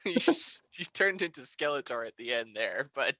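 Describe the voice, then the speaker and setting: A man's voice: mid-range voice, animated, moderate pace, bright, forceful tone, dry recording. A man co-hosting a podcast review, chatting casually, laughing often and swearing freely. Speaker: podcast co-host.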